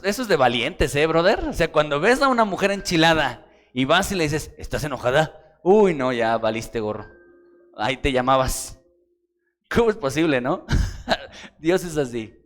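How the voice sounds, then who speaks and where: A male pastor with a Mexican Spanish accent preaching a sermon to his congregation, joking and talking straight to the people in the pews. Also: a little high. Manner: lively, joking, addresses the congregation directly. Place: church.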